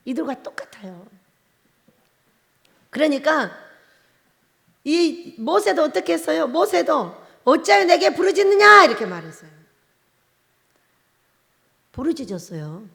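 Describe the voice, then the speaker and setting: High-voiced woman pastor preaching emphatically. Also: gravelly. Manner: emphatic preaching with questions to the congregation. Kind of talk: sermon. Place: church sanctuary at the pulpit. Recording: long church reverb with faint keyboard.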